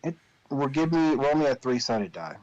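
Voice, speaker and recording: A man narrating a tabletop game as game master, improvising the story in a deliberate, pausing way. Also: medium pitch, expressive, a little mellow, lo-fi sound.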